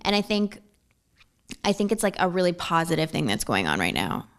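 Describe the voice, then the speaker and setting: A woman's voice: on the low side, big pitch swings, brisk. A woman as a podcast guest, talking casually and filling with "like" and "you know". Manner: chatty, fills with "like" and "you know". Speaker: interview guest, social media manager.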